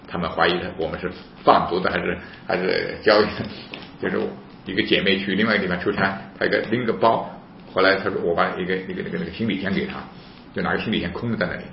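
Fast-talking man in a roomy recording. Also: vocal fry, slight background noise. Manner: animated, voice jumps high and loud when retelling anger; fast talk with many restarts and repeated words. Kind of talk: casual spoken storytelling. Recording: roomy, slightly dull recording.

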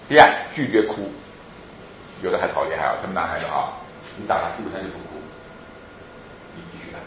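A man giving a lively sermon-style talk on parenting, laughing often and acting out children as he goes. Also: lowish voice. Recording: very echoey, dull lo-fi with faint noise.

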